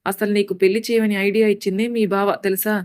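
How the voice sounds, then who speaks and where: An affectionate older woman gently scolds a young girl in a read-aloud story, as a woman narrator voices her. Her tone is fond and chiding. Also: medium pitch, level tone, quick pace, clear, resonant tone, lightly acted.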